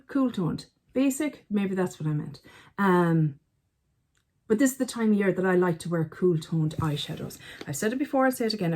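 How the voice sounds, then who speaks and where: A woman's voice: fairly low pitch, mellow. A woman chatting casually to camera as a beauty vlogger, chatty and self-mocking, often talking to herself. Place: at home by a counter.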